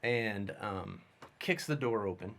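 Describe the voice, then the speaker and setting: A man, a guest filmmaker, telling a story in casual, animated conversation. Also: fairly low pitch, slow, gravelly. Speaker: guest, special effects artist and filmmaker.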